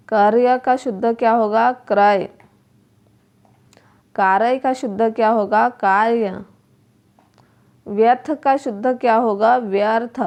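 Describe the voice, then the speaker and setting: A woman teaching a school lesson, speaking slowly and repeating words as she asks her pupils questions. Her voice sits a little high and has a gravelly edge. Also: darkish tone. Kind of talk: workbook lesson explanation.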